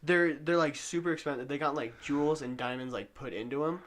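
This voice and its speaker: A man's voice: fairly high pitch, brisk, fairly bright tone, a little hiss or hum. Stuffy-nosed young man rambling casually. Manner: rambling, fills speech with "like". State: stuffy nose from a cold. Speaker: podcast co-host. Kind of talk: casual chat.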